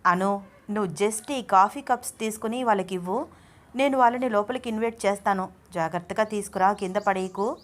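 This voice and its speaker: A woman's voice: medium pitch, fairly quick, close to an everyday voice. A woman voicing a teasing, playful young husband in a storybook reading, coaxing and calling his wife babe. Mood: apologetic.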